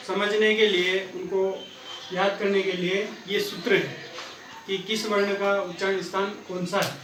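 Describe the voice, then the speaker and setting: A high-pitched Sanskrit grammar teacher gives an exam-prep lesson, slowly chanting Sanskrit sutras and grammar rules and methodically drilling likely questions and answers again and again. Recorded on a distant mic, his voice echoes around the room, with faint ambient noise behind.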